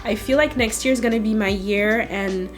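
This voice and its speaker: A young African woman with a mixed British and Nigerian accent joins a video call as a guest beauty creator, chatting frankly while doing her makeup. She is lively, laughs often, and speaks with emphasis. Her mid-range voice moves at normal speed over loud background music.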